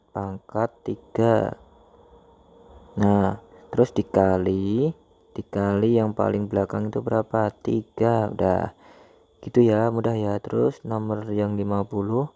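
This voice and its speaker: A man's voice: fairly low pitch, creaky, mellow, dry recording. A man teaching maths to young children step by step, informal and coaxing, often asking and answering his own questions.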